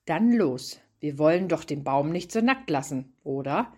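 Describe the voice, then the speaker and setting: A woman's voice: low voice, animated, measured pace, husky, heavily acted. A woman playing a cheerful, loving young mother in a read-aloud Christmas story. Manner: warm, playful.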